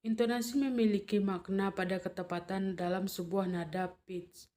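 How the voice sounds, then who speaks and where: A young woman gives a lesson at an ordinary mid pitch, walking through each point in order. She sounds a little read-aloud and methodical, now and then stumbling over a word and starting it again. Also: normal speed. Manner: steady, methodical, with occasional slips and restarts. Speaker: teacher presenting a lesson. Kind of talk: explanatory lesson, partly read.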